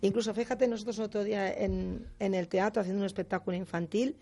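A woman with a gravelly, creaky voice talks as a radio guest in a lively, explanatory way. She keeps tossing in short tag questions and slips into acted quotes. Her pitch sits in a middle range. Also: fast talker. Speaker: guest speaker on difficult personalities. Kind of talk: radio talk chat.

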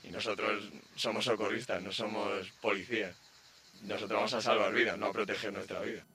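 Anonymous male witness, voice disguised deep by distortion, slow heavy delivery, bright edge. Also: fairly even intonation. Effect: voice electronically distorted, pitched very deep to hide identity. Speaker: lifeguard giving testimony. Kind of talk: anonymous news testimony.

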